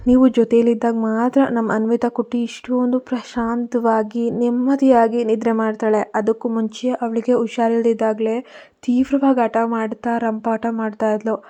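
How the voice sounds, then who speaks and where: A woman voicing a polite, eager household woman in a storybook reading, speaking respectfully and quickly. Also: fairly high pitch, dark tone, lightly acted.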